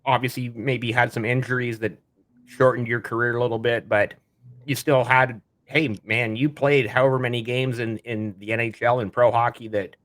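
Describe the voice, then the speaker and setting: A man's voice: medium pitch, level tone, normal speed, fairly bright tone. A Canadian man hosting a podcast, asking eager, rambling questions of his guest. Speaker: podcast host. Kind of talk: podcast interview.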